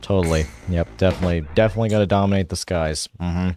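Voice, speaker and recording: A man's voice: low-pitched, steady tone, quick pace. A man giving casual gameplay commentary as a streamer, in a wry, sarcastic way. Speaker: video game streamer. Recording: loud game music and aircraft sounds. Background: game soundtrack, engines.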